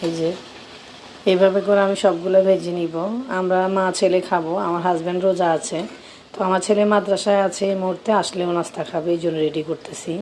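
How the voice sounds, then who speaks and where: A young woman with a cold-roughened, hoarse voice, casually talking viewers through her breakfast cooking in her home kitchen. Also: fairly low pitch, steady tone, fast, darkish tone, slight background noise, poor audio. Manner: chatty, shows each step. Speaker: vlogger.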